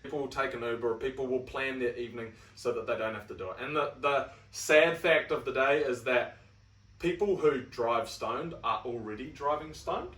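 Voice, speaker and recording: A young New Zealand man co-hosts a casual chat, reading out claims and answering them with dry, easygoing humour. His voice sits at an ordinary middle pitch. He is picked up from a little way off the mic, in a room with a noticeable echo. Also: moderate pace, fairly bright tone. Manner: reads points aloud and rebuts them in a chatty, wry way. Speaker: podcast co-host. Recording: roomy room, mic at a distance.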